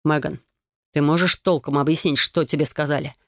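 A woman reading the part of a caring young dragon husband, soft and coaxing, her voice pitched lower than her narration. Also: steady tone, fairly quick, a little hiss or hum. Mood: worried.

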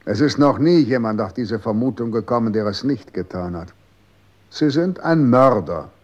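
An actor playing a cold, condescending official in a 1960s radio drama, calm and authoritative. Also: male voice, medium pitch, moderate pace, dull audio, lightly acted.

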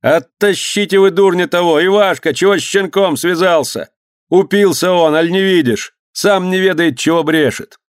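A man's voice: on the high side, moderate pace, a little mellow, dry recording, clean studio sound, voice pushed up, lightly acted. A man reading aloud, voicing a worried, cautious townsman who tries to keep the peace, earnest and pleading. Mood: pleading shout.

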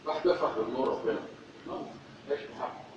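A man with an Egyptian accent preaches to his congregation in a mid-range voice, speaking very fast and fervently, repeating phrases for emphasis in a sermon style. The recording is distant and dull, made in an echoey hall with a noisy background.

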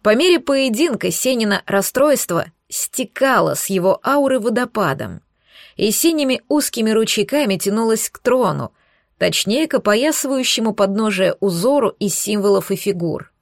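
A woman narrating a fantasy audiobook in the first person, reading in a lively, dramatic way. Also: fairly high pitch, normal speed, dry recording, studio quality.

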